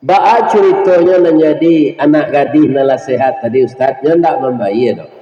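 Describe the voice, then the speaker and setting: A man's voice: fairly high pitch, normal speed. A man with a Minangkabau accent preaching a humorous sermon, telling a story with asides to the audience. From West Sumatra. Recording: echoey hall, dull lo-fi sound.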